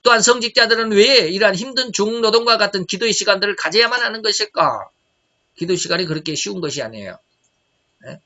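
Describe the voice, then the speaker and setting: A middle-aged man preaching a sermon, asking rhetorical questions and swinging between loud and soft. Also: high voice, lively intonation, fast talker. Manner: emphatic preaching, rhetorical questions, shifting loudness. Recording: dull lo-fi recording.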